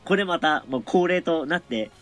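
A man's voice: on the high side, expressive, moderate pace, fairly bright tone, soft background music. A man co-hosting a podcast, telling stories in a chatty, easygoing way. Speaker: podcast co-host. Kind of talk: casual podcast chat.

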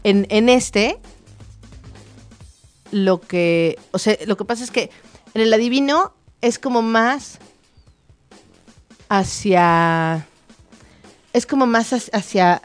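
A woman's voice: medium pitch, lively intonation, takes it slowly, long pauses, faint music behind. A woman, a therapist co-hosting a casual chat show, explaining ideas through examples with many fillers and restarts. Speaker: therapist co-host.

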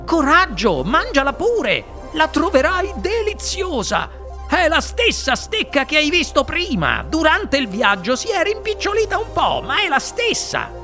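A man reading an audiobook, voicing an eccentric male chocolate-factory owner who shouts theatrical, commanding exclamations. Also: very high-pitched, lively intonation, slow pace, faint music behind, voice pushed up, full character voice. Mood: excited.

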